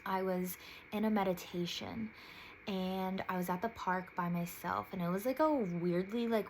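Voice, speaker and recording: A young woman in her twenties tells a personal story in a casual vlog, chatty, emotional, and packed with fillers and "like"s, and her voice jumps up whenever she quotes someone. Her pitch is fairly low with vocal fry, and the poor audio carries a little hiss or hum.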